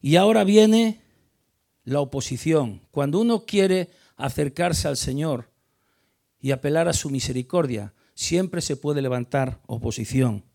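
With lively intonation and no rush, a preacher delivers a sermon on a Bible passage in a gravelly, slightly high voice full of fry. Emphatic throughout, he climbs to loud stressed words and then sinks back to quiet, often stumbling and repeating words when he restarts a line.

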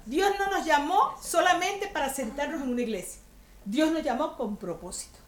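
A high-pitched woman preaches to a women's group in a chatty, humorous way, checking in with her listeners through rhetorical questions. Her voice rings around an echoey church room, with a faint murmur of ambience underneath. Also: lively intonation, normal speed, slight background noise. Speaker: women's ministry speaker. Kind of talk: conversational sermon to a women's group.

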